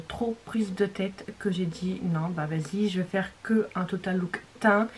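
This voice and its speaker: A woman's voice: mid-range voice, darkish tone, husky. A young woman talking casually through a makeup tutorial, chatty and rambling with many fillers, sometimes dropping to a whisper. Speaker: beauty vlogger.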